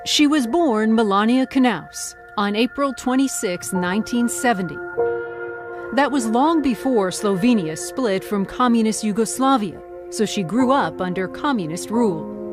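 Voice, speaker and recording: A woman hosting a news documentary in measured, dramatic scripted narration. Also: on the high side, animated. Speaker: documentary host. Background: music.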